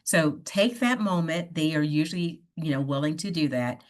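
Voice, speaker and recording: A woman's voice: sits low, lively intonation, moderate pace. A woman presenting an online workshop on a video call, coaching listeners and often checking in with "right?". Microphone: computer mic on a video call.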